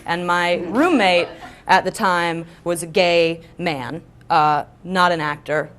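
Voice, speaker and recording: Woman in her twenties, lowish voice, lively self-mocking storyteller. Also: takes it slowly. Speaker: celebrity guest. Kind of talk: comic storytelling.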